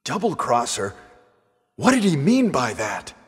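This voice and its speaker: An actor playing Chris, a startled young special-forces hero in a 1990s video game, with stilted delivery. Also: male voice, mid-range voice, wildly swooping pitch, unhurried. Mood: startled, puzzled. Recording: distant, long reverb.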